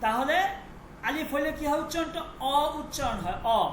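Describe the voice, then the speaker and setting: Brief: high female teacher voice, patient, repeats and checks, roomy echo, faint hiss. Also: brisk. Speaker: Persian language teacher. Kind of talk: online class lesson.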